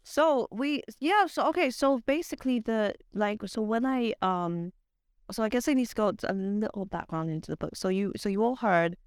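A woman with a transatlantic accent mixing British and Barbadian talks about her writing as an interview guest, halting and correcting herself with emphasis. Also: medium pitch, clear, resonant tone, dry recording, clean studio sound. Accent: transatlantic mix of British and Barbadian. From born in Britain, raised in Barbados. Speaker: guest poet and author.

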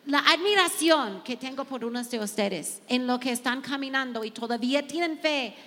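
A woman's voice: high-pitched, moderate pace, a bit bright, big-room sound. A woman pastor, not a Spanish speaker, sharing heartfelt testimony and reading scripture to other women. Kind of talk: sermon-style sharing.

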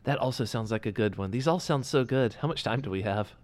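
A man co-hosting a casual podcast, easygoing and rambling, thinking out loud as he talks. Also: mid-range voice, animated, fast talker. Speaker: podcast co-host. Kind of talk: casual chat.

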